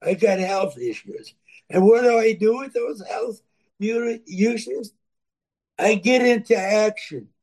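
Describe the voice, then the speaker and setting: A man's voice: high voice, animated, slow pace. Emphatic man in his eighties. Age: 80s. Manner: emphatic, repetitive, earnest; plain-spoken, swings between loud and soft. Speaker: recovering gambler sharing his story. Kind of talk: personal testimony.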